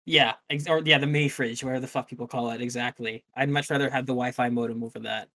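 A man's voice: mid-range voice, steady tone, fast talker, pushed and bright. A man co-hosting a casual gaming news podcast, talking loosely, swearing offhandedly and often restarting his sentences. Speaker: podcast co-host.

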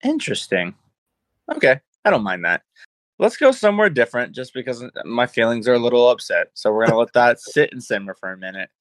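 A man's voice: medium pitch, sing-song, a little fast, a bit bright, no echo. A man co-hosting a podcast in casual chat, playful and laughing often. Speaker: podcast co-host.

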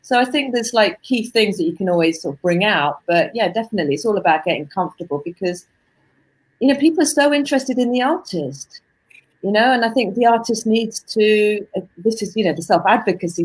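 A woman's voice: mid-range voice, animated, a little fast, breathy edge, low-quality recording. A woman speaking as an interview guest in a casual, reflective way, thinking aloud as she goes. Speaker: interview guest, author on art marketing.

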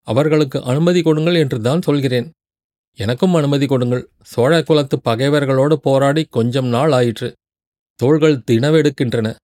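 A man voicing a young, indignant male warrior envoy who speaks in a rapid, scolding torrent, read in a storybook narration. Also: mid-range voice, a little mellow, dry recording, studio quality, natural voice.

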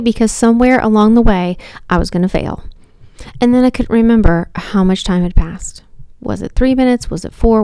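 A woman in her thirties or forties, a mother of four, telling a personal story in an animated, self-deprecating way and talking straight to the listener. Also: mid-range voice, smooth, no room sound.

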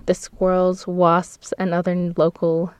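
A podcast host with a somewhat low, darkish, monotone voice talks at a measured pace in casual seasonal chat, recorded in a clothes-stuffed closet. The close microphone and padding make the sound clean, very dry, and dead, with no echo. She's chatty, laughs often, and corrects herself mid-sentence.

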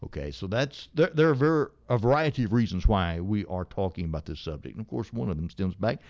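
A man hosting a Bible call-in show, talking conversationally and deliberately in a folksy way, repeating phrases for emphasis. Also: on the low side, expressive, a little mellow, no room sound, dull audio. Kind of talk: conversational religious radio teaching. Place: radio studio, live broadcast.

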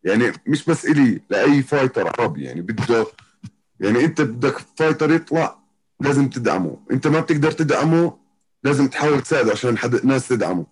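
A man's voice: mid-range voice, animated, fast, rough recording. A man from Jordan with a Palestinian-Jordanian Arabic accent, chatting casually as an interview guest and often circling back over his phrases. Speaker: interview guest, professional MMA fighter. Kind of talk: casual chat.

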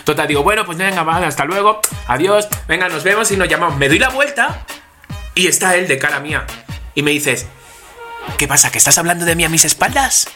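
A man with a Spanish accent from Spain, co-hosting a casual podcast chat and telling stories lively, acting out each person's lines. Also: on the high side, a little fast, faint music behind. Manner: animated storyteller acting out dialogue. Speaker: podcast co-host.

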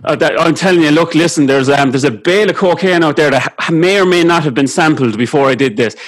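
A man's voice: a little high, quick pace. A man with an Irish accent hosting a podcast interview in a chatty, jokey way.

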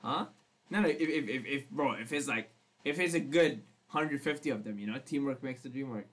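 A man's voice: mid-range voice, brisk, fairly bright tone. A young man co-hosting a casual podcast chat, playful and teasing, swearing often. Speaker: podcast co-host.

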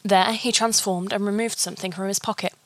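A woman reading a fan fiction story aloud, steady and even. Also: medium pitch, brisk.

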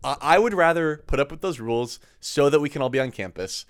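A young man co-hosting a podcast, chatting casually with wry, deadpan asides. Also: on the high side, fairly quick. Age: young adult. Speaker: podcast co-host, college resident assistant. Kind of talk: casual chat.

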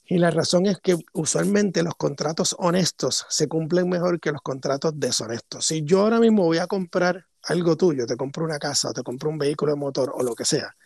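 A man's voice: a little high, fairly quick, gravelly, few pauses, darkish tone, dry recording, studio quality. A man co-hosting a podcast, reasoning through ideas in long, reflective casual talk. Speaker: podcast co-host. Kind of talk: casual philosophical discussion.

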